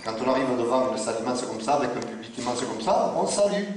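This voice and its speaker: A man's voice: mid-range voice, animated, fast, crowd noise. Brief: male ventriloquist with a Toulouse accent, straight man, distant and roomy, audience behind. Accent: Toulouse, southern French. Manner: mock-exasperated straight man. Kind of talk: live stage comedy. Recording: echoey hall, distant mic, audience.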